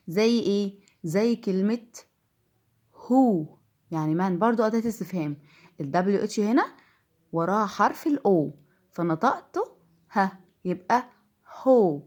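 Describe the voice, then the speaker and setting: A woman with an Egyptian Arabic accent teaching English pronunciation, patiently repeating each word slowly. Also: medium pitch, lively intonation, a little mellow. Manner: patient, repeats words slowly to drill them. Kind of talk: classroom-style lesson.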